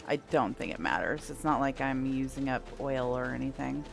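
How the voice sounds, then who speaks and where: A woman with an extremely low, creaky voice streams gameplay at a moderate pace, rambling and thinking aloud with the occasional mild swear. Video game music and sounds play in the background.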